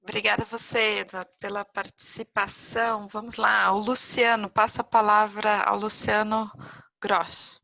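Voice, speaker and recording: A woman moderating a video meeting, thanking a speaker and briskly passing the floor to the next one. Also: medium pitch, flat delivery, gravelly, pushed and bright, rough recording.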